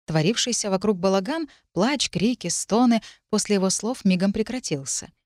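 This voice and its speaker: A woman narrating a first-person audiobook in an expressive, wry manner, close on the mic. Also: medium pitch, moderate pace, no echo.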